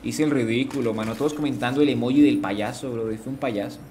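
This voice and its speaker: A man's voice: mid-range voice, brisk, darkish tone, slight background noise. A man streaming a game live, chatting casually. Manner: chatty, greets chat, slangy.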